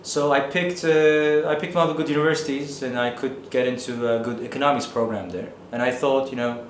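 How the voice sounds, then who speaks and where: A man's voice: mid-range voice, steady tone, brisk, reverberant, a little hiss or hum. A man in his thirties from Turkey with a Turkish accent, an economics professor answering interview questions thoughtfully, with many fillers.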